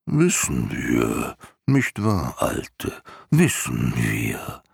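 A man voicing an ancient, weary giant female turtle who speaks slowly and apathetically in a wheezing, whispery voice. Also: extremely low pitch, huge pitch swings, vocal fry, slightly rough, no echo, studio quality, voice pushed down, full character voice. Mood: indifferent. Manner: drawn-out, apathetic, snuffling.

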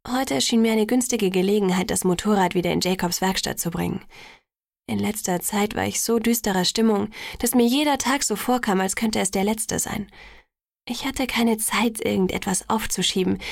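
A woman reading a first-person audiobook in a measured, quietly reflective way. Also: medium pitch, creaky, no echo, studio quality. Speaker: audiobook narrator.

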